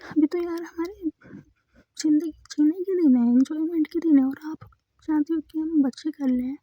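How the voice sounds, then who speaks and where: A tender young wife of twenty-two, coaxing and gently pleading, as a woman puts her on in whispered role-play. The voice is high and very mellow, breathy with whispering. It sounds close and dry. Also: normal speed, no echo, highs cut off, close to an everyday voice.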